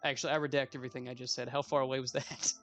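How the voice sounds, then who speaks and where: A man's voice: medium pitch, level tone, rapid-fire, soft background music. A 21-year-old man giving casual gameplay commentary as a let's play host, rambling with self-mocking asides.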